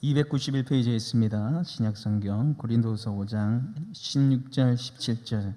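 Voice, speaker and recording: A man's voice: medium pitch, moderate pace, mellow. A man preaching a sermon as pastor, emphatic and leading the congregation in repeating lines. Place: church sanctuary. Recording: long church reverb.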